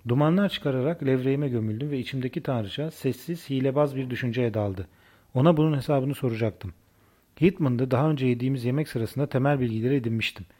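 A male narrator reading a first-person novel aloud for an audiobook. His delivery is calm and even, and his voice is mellow and warm at a middle pitch. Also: fast talker.

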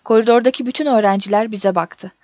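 A woman reading a first-person story aloud in a steady, measured audiobook narration. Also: on the high side, dry recording. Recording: dull dry recording.

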